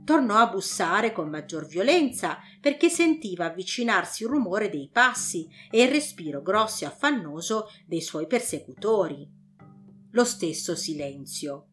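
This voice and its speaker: A woman narrating a classic storybook with an animated, dramatic reading. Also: mid-range voice. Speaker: audiobook narrator.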